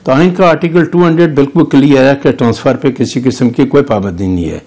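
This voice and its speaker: A man's voice: mid-range voice, fast talker, a little mellow. An older man with a Pakistani Urdu accent, a lawyer guest arguing legal points in a studio news interview. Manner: argumentative, legalistic, with restarts.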